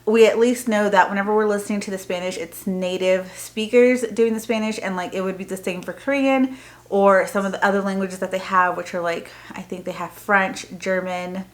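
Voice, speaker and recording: An American woman from Texas hosts a casual homeschooling vlog as a homeschooling mother, talking to camera about products. Her mid-range voice is steady at a normal speed, and her chatty, informal explanations wander a little as she goes.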